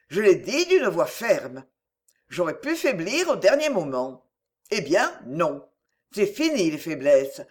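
A woman giving a dramatic literary reading, speaking conspiratorially to the listener. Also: lowish voice. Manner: conspiratorial, addressing the listener directly. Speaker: reader.

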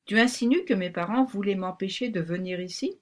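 A woman's voice: medium pitch, fairly quick, distant mic, close to an everyday voice. Teen girl, puzzled and questioning; woman reader voicing her, storybook. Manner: questioning, astonished. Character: bewildered teenage girl, exiled princess.

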